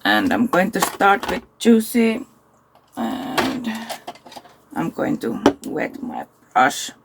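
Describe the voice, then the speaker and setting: A tired woman, chatting casually through a makeup tutorial and thinking aloud with soft asides. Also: a bass voice, very animated, takes it slowly, vocal fry, very noisy. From Finland. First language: Finnish. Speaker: makeup vlogger.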